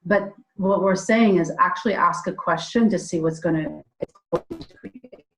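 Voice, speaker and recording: Co-host, woman with a lower voice, chatty storyteller on a remote call. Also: moderate pace, a little hiss or hum, poor audio. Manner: tells stories with quoted dialogue. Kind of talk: casual podcast chat. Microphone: remote call mic. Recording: audio dropouts on a call.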